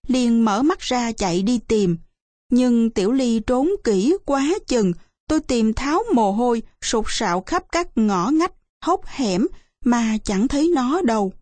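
Storybook narrator: a woman with a fairly high voice, measured and expressive, recorded dry and close. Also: no echo. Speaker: audiobook narrator.

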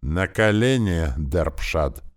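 A man's voice: deep voice, very animated, normal speed, a little mellow. A man voicing a cold, arrogant young prince who gives curt commands, in an audiobook. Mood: commanding.

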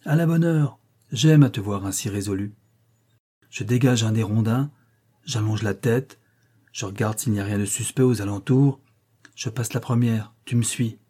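A man reading a storybook, voicing a bold, spirited young girl who talks in a quick, determined way. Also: on the low side, mellow, close to an everyday voice.

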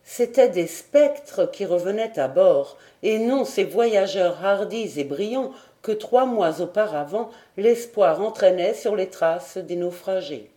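A woman narrating a classic adventure novel as an audiobook, in a measured, steady reading. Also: mid-range voice. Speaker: audiobook reader.

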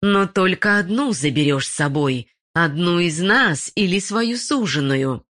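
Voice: medium pitch, animated, a little slow, fairly bright tone, pitched above the performer's own voice. A narrator voicing a chorus of malicious female forest spirits, hissing and gloating, in an audiobook. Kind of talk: audiobook voice acting.

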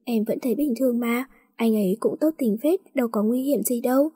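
A woman voicing a teasing, sulky young wife in a read-aloud story, with a husky voice. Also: fairly high pitch, brisk, mellow, no echo, clean studio sound. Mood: casual. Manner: pouting, playful.

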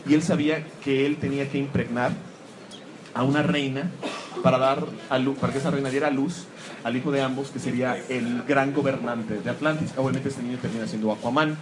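Speaking fairly quickly in a medium-pitched voice, a man delivers a live comedic talk on comics to a room full of people. He jokes, mocks himself and throws in animated asides, and crowd noise is clearly audible in the background.

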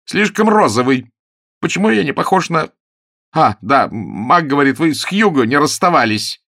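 A man voicing a hot-tempered, jealous young gentleman who blusters and sulks, in an audiobook. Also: on the high side, big pitch swings, normal speed, gravelly, no room sound, studio quality, pitched above the performer's own voice, exaggerated voice. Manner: blustering, sulky.

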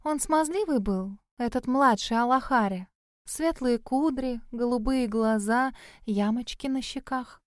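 A woman's voice: on the high side, a little slow, no room sound, studio quality, close to an everyday voice. A woman doing a sly, mocking spirit in a well. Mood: gossipy. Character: mocking gossipy female spirit living in a well.

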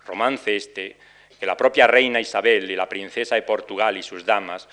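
A middle-aged man giving an academic lecture, reading out quoted ballad verses in a slower, measured cadence. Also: on the low side, steady tone, a bit bright. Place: lecture hall.

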